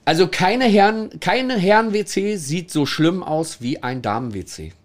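A man's voice: high-pitched, lively intonation, measured pace. A middle-aged man, telling anecdotes in a chatty way, laughing often and checking in with the listener. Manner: chatty, laughs a lot, tags lines with "ne?". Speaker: former toilet attendant telling stories.

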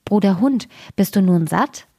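A woman reading a fairy tale aloud, voicing a bold, vengeful male sparrow in a high, sharp, taunting tone. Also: expressive, unhurried, breathy edge, no room sound, clean studio sound. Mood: friendly. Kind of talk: storybook reading.

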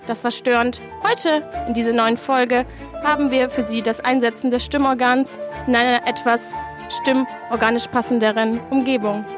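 Narrator: woman, dry and formal, slightly high voice, backing music. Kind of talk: mock-documentary narration.

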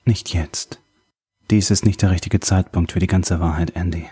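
Tender grieving woman, man voicing her, soft, hesitant, tearful, low husky tone. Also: fairly even intonation, moderate pace, no room sound, clean studio sound.

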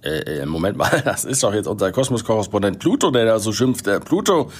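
A man's voice: lowish voice, very animated, fairly quick, husky. A man hosting a children's radio show in a conversational, reassuring manner. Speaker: radio host.

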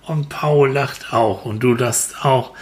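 A man softly telling a slow, soothing guided relaxation story to a listener. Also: medium pitch. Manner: soft, soothing, drawn-out.

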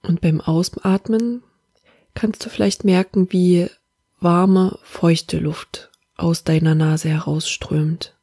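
A woman leading a guided meditation in a soft, half-whispered, calm and soothing manner. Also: fairly low pitch, slow pace, slightly rough, no room sound, clean studio sound.

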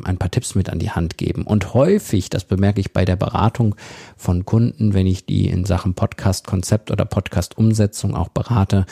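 A man's voice: lowish voice, vocal fry, dark tone, no room sound, clean studio sound. A man hosting his own podcast, giving direct, conversational advice to listeners in a plain-spoken way. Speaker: podcast host and consultant. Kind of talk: casual solo podcast advice.

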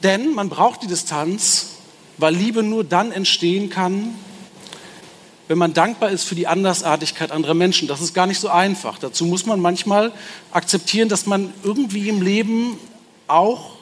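A man's voice: high-pitched, moderate pace. A man giving a public talk, thinking aloud and briefly acting out the voices he quotes. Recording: hall reverb with faint background noise.

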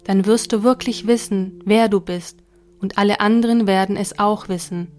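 A woman voicing a patient, smiling God who explains things calmly and gently, with faint music behind. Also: medium pitch, normal speed, lightly acted. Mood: gentle.

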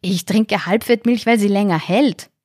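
A woman's voice: mid-range voice, normal speed, a little mellow, no room sound, clean studio sound, natural voice. Woman reading as an indignant shopper. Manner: indignant, raised voice. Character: annoyed young woman shopper.

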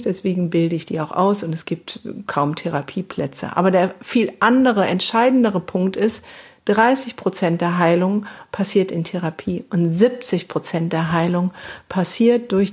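A woman's voice: on the low side, a little mellow, breathy edge. A woman who trains trauma therapists, explaining in an educational talk, speaking straight to the listener and sometimes acting out sing-song baby talk.

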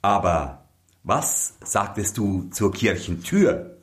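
A man's voice: lowish voice, very animated, slow pace. Man playing a suspicious young prince.

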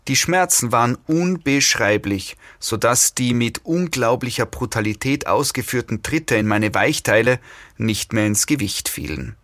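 A man reading a first-person story aloud as an audiobook narrator, wry and even. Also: mid-range voice, measured pace, dry recording.

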